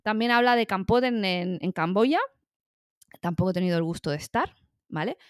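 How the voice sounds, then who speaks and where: A woman from Spain, talking through a casual podcast monologue in a relaxed, rambling way. She fills her speech with little hesitations and restarts. The recording is close and dry, with no room sound. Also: mid-range voice, normal speed, no room sound. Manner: chatty, many fillers and self-corrections. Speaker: podcast host.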